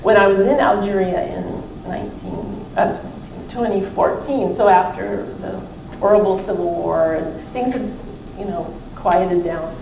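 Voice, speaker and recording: In a library event room, a professor, not a native French speaker, answers questions about her book in a loose, discursive way, frequently hedging her points. Her mid-range, slightly mellow voice is creaky and steady, unhurried yet hardly pausing. Recorded from afar, the audio is roomy with a faint hum of the room.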